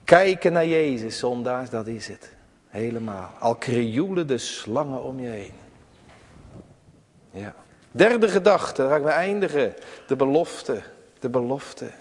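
A man preaching a sermon to his congregation, emphatic, rising to high cries and dropping to hushed tones. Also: lively intonation, measured pace, long pauses, husky, in a large hall. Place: church.

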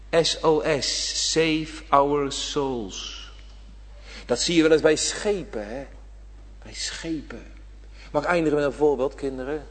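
A man preaching a sermon, impassioned, swinging from loud appeals to hushed whispers, in a church. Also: on the high side, slightly rough. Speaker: pastor. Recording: reverberant church hall.

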